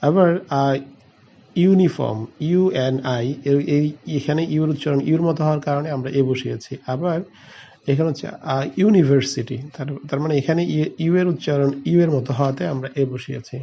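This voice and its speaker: A man's voice: a little high, a little fast, creaky, mellow, dull audio. A male teacher from Bangladesh explaining a grammar lesson step by step, spelling out letters and answering his own questions.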